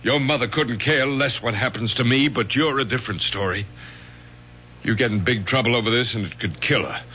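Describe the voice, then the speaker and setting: Here a man performs a stern, take-charge father who teaches college, delivering clipped, firm lines for a vintage 1970s radio drama. His mid-range voice runs a little fast and sounds pushed and bright, near his natural speech. A faint hum sits under the dull old recording.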